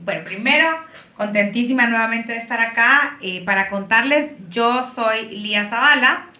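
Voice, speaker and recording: A woman's voice: fairly high pitch, moderate pace. A woman in her thirties, telling her story as an interview guest, with many fillers. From Honduras. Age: 30s. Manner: warm storytelling, frequent fillers. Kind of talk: casual interview conversation. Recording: echoey room, mic at a distance.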